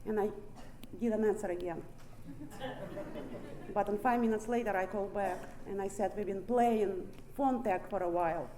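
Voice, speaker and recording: A woman with a Russian accent, born in Ukraine and raised in Siberia, is the main speaker at a recovery meeting, giving a candid personal testimony to the room. She swears freely and laughs often, speaking at medium pitch and normal speed with frequent pauses. A crowd can be heard behind her, and the recording quality is low.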